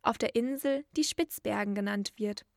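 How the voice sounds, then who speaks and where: A woman's voice: medium pitch, moderate pace, gravelly, no room sound, studio quality, close to an everyday voice. A woman voicing a tethered reindeer, proud and longing for its snowy home, in a storybook reading. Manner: wistful, boastful.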